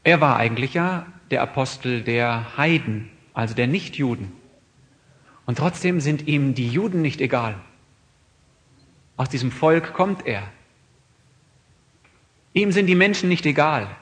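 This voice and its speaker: A man preaching a sermon, earnest, asking his listeners questions and moving from quiet reflection to raised emphatic appeals. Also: medium pitch, animated, measured pace. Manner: asks the listeners many questions.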